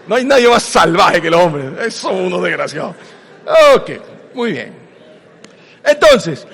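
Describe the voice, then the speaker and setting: A man preaching a sermon as a pastor. He is animated, swinging between loud emphasis and hushed asides, and questions the congregation directly. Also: high-pitched. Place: church sanctuary. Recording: long reverb of a large church hall.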